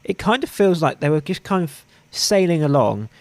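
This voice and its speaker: A man hosting a podcast, talking about an old episode in a dry, wry way with some halting restarts. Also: fairly high pitch, very animated. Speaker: podcast host. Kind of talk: casual review chat.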